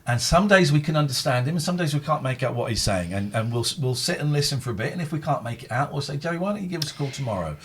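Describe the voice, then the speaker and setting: A man's voice: a little high, animated, rapid-fire, few pauses, slight background noise. A man with a British accent hosting a live phone-in show in casual, rambling chat, often repeating his phrases.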